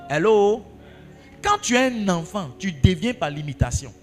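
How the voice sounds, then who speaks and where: Lively-voiced preaching pastor. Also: male voice, high-pitched, moderate pace, big-room sound, faint music behind. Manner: preaching with rhetorical questions to the congregation; repeats key phrases for emphasis. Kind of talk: sermon.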